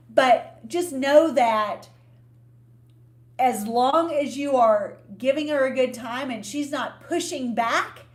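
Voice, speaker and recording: High-voiced woman giving frank, slow advice. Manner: frank, explanatory, unhurried. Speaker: podcast co-host. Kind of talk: casual advice talk. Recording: echoey room.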